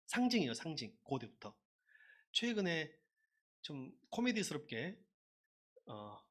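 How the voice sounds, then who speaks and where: A man preaching a sermon as a pastor, lively and conversational, leading his congregation in call-and-response shouts. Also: fairly high pitch.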